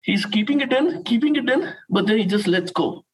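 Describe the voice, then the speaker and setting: A man talking through football memories in a halting, heartfelt way, with many restarts and fillers. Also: extremely high pitch, animated, breathy edge, rough recording. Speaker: guest football commentator. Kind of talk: emotional conversational recollection.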